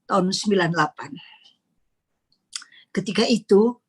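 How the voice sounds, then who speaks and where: A woman's voice: medium pitch, measured pace, breathy edge. A middle-aged woman preaching a charismatic sermon, dramatic and repetitive, dropping to a whisper when she quotes. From Indonesia.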